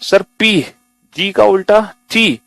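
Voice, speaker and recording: Male teacher, fairly high voice, dry close sound, coaxing and repetitive classroom delivery. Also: takes it slowly, gravelly, fairly bright tone, dry recording, poor audio. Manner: coaxing, repeats himself, calls students beta. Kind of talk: classroom lesson.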